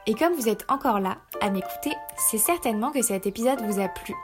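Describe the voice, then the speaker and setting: A woman delivering her podcast's scripted closing message in a smooth, read-aloud manner. Clear background music plays beneath her voice. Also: fairly high pitch, lively intonation, brisk. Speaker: podcast host. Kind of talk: scripted outro narration.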